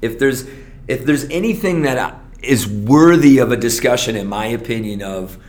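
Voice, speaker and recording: Man, server, foul-mouthed animated ranter, mid-pitched, casual chat. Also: moderate pace. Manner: profane, animated ranting. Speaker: restaurant server. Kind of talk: casual conversation.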